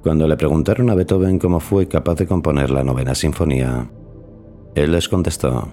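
Casting: male podcast host, very deep and mellow, formal scripted delivery. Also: fairly even intonation, soft background music. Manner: measured, formal. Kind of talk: scripted narration.

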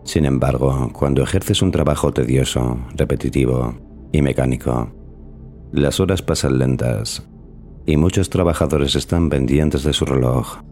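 Casting: male podcast host, very deep and mellow, formal scripted delivery. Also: fairly even intonation, faint music behind. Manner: measured, formal. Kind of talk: scripted narration.

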